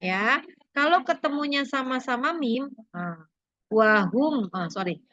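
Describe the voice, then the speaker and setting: Woman teacher, higher voice, quizzing a class, dull dry recording. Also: expressive, measured pace, bright, forceful tone, no echo. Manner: questioning, prompting students. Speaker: religious studies teacher. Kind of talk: classroom review lesson.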